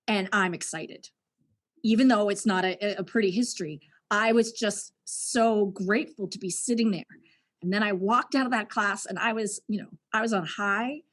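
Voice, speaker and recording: A woman from Canada, a guest on a podcast who works in education, telling her own story in a frank, reflective way with an occasional laugh. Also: medium pitch. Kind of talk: candid personal storytelling.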